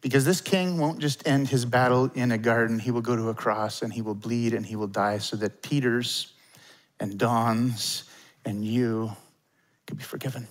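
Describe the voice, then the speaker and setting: A man's voice: medium pitch, steady tone, moderate pace. Man preaching a conversational sermon. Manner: conversational, emphatic preaching with acted-out quotes. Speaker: pastor.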